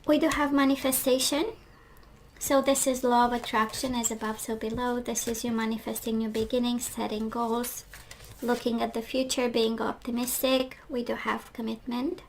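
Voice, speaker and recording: A woman with a voice that is going hoarse, chatting casually through a tarot card reading and often asking "right?". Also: a little high, level tone, moderate pace, slight background noise, low-quality recording. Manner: chatty, reflective, frequent "right?" and "we do have". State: losing her voice, clearing throat. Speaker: tarot reader.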